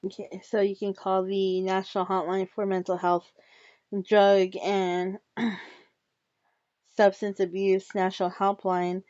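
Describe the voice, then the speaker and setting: A woman's voice: mid-range voice, little pitch movement, slow pace, darkish tone, dry recording, highs cut off. Casual, frank woman chatting. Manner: chatty, frank, swears freely. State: coughing and hiccuping. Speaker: channel host. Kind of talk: casual solo commentary.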